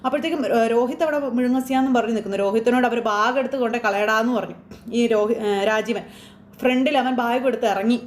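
A woman's voice: on the high side, fairly even intonation, brisk. Chatty Malayali woman retelling a serial. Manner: colloquial, with sarcastic asides. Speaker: serial recap narrator. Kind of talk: casual retelling of a TV serial episode. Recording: echoey room with faint background noise.

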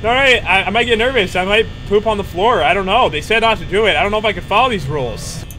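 Bright, piercing male gamer. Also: high voice, fast, a little hiss or hum, rough recording. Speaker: video game player reacting. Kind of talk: horror game reaction commentary.

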